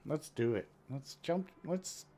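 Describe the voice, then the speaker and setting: A man missing his two front teeth, chatting casually and matter-of-factly in a rambling way as he live-streams a video game. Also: a little high. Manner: rambling, unhurried, matter-of-fact. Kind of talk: casual live-stream chat while gaming. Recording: steady background noise.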